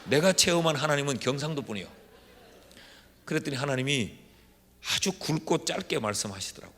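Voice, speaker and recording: Middle-aged pastor guy preaching revival style, chatty stories then loud, echoey big church hall. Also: fairly high pitch, animated, fairly quick. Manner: folksy storytelling, swings from hushed asides to shouted exhortation. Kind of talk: revival sermon. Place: large church sanctuary. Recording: reverberant church hall with faint room noise.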